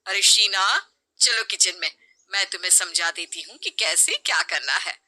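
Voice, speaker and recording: A woman voicing a kind middle-aged mother-in-law who speaks softly and patiently. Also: fairly low pitch, moderate pace, slightly rough, heavily acted. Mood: gentle. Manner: soft, patient, explaining.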